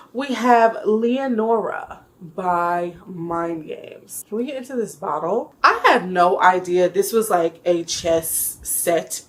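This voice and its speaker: A woman's voice: lowish voice, rough recording. Chatty woman gushing over perfumes. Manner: chatty and emphatic, calls viewers y'all, laughs often. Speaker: beauty vlogger reviewing perfumes. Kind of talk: casual chat to camera.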